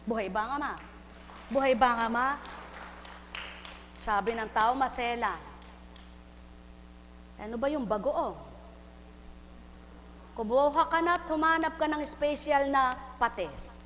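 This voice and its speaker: A woman preaching a live sermon, fervent and full of refrains, moving from soft confession to loud exhortation. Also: sits high, unhurried, pauses often. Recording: hall reverb, faint hum.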